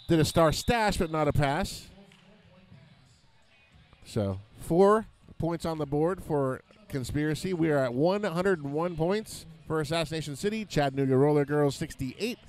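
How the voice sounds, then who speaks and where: A man's voice: a little high, darkish tone. A man announcing a roller derby tournament, joking as he rattles off lists of events and scores. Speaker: play-by-play announcer.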